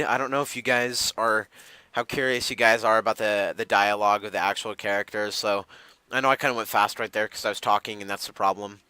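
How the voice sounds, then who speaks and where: A man's voice: on the low side, sharp tone, clean tone, dry recording, low-quality recording. A young man giving casual gameplay commentary, rambling with many fillers and restarts. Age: young adult. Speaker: gamer.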